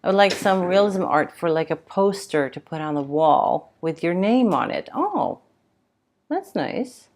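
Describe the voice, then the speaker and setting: A woman's voice: on the low side, sing-song, a little slow, a little mellow. A young woman hosting a casual livestream chat, reading out comments and rambling with many fillers and restarts. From Sweden. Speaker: tattoo livestream host.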